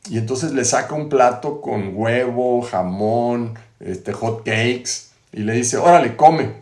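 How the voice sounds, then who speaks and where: Male host, chatty storyteller with many tag questions, middle pitch, echoey room. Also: steady tone, takes it slowly. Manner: conversational, frequent tag questions and restarts. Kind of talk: storytelling biography retelling. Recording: roomy echo.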